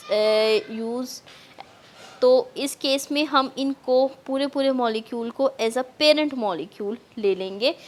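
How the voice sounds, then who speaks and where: A woman's voice: a little high, slight background noise. A woman chemistry lecturer with a Pakistani accent, explaining step by step in a classroom lecture and mixing in English terms.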